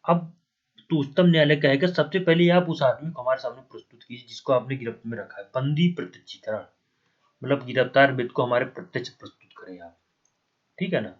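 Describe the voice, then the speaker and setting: A man with a Hindi accent and a mid-range voice, speaking a little fast, teaches an exam-prep lesson while writing on a board. He spells terms out letter by letter and keeps checking with "ठीक है ना". The recording is dull and lo-fi.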